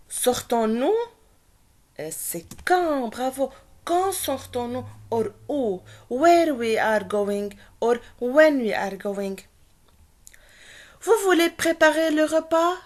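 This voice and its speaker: High-voiced lady teacher going slow, hopping between french and english, repeats stuff a lot. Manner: explains patiently, switching between French and English, repeating key words. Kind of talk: classroom grammar explanation.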